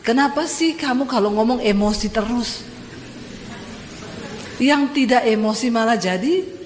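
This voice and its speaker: A woman voicing her soft-spoken, calm husband who chides gently, heard in an echoey hall with faint noise. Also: unhurried. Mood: mildly exasperated. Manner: mild, low-key remarks.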